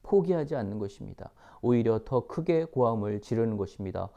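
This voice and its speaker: A man preaching a sermon, reading scripture and explaining it in slow, emphatic, repeated phrases, sometimes dropping to a whisper. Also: mid-range voice, animated, vocal fry, dark tone, dull audio. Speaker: missionary preacher.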